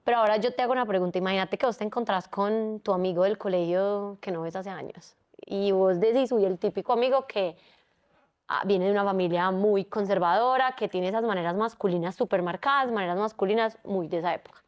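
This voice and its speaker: Fast-talking animated woman. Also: medium pitch. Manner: animated, acts out quoted people in changing voices. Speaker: psychologist, podcast co-host. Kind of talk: casual conversational interview.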